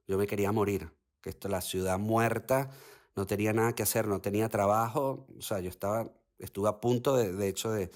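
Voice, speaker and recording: A middle-aged man from Venezuela with a Venezuelan accent, a podcast guest telling his story in a halting way, with many restarts. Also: fairly low pitch. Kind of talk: conversational storytelling.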